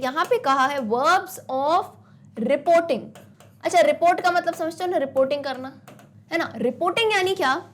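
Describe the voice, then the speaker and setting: Woman teacher, high voice, mixes Hindi and English, lively classroom explaining. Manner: mixes Hindi and English, asks the class questions and answers them herself. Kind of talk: classroom lesson explaining grammar.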